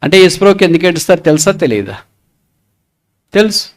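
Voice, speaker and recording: A man preaching a sermon with a Telugu accent. He asks the crowd questions and swings between loud, emphatic lines and hushed ones. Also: high voice, big pitch swings, fast talker.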